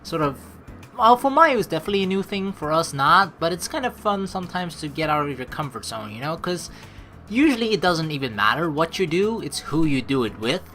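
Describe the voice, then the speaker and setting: Hosting a let's play, a woman chats informally, wanders into rambling asides and reads out the game's story text. She has a low, somewhat bright voice with big pitch swings and a fairly quick pace, and game music plays behind her.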